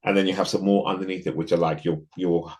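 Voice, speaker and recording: A man's voice: sits low, steady tone, fast talker, slightly rough. A man from the UK, a podcast guest talking in a casual interview, reflective and thinking aloud with frequent restarts.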